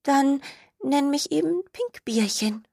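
A woman voicing a small, shy, childlike skunk in a storybook reading, speaking high, soft and tender, sometimes in a whisper. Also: animated, takes it slowly, vocal fry, no echo, clean studio sound, exaggerated voice. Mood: soft, pleading.

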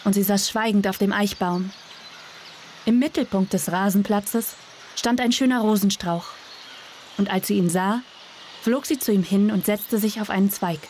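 A woman reading a fairy tale aloud in a calm, measured way. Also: mid-range voice, slight background noise. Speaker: storyteller.

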